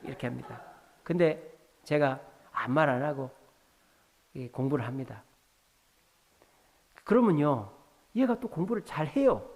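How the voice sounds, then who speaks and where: A male pastor preaching a sermon with lively storytelling, acting out the people in his anecdotes. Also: a little high, unhurried, long pauses. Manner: animated, acts out dialogue in storytelling. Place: church sanctuary. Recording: church hall with long reverb.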